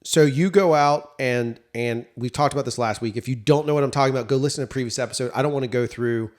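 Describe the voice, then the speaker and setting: A man's voice: mid-range voice, fast talker. A man co-hosting a podcast, chatting casually with playful, joking banter. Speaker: podcast co-host.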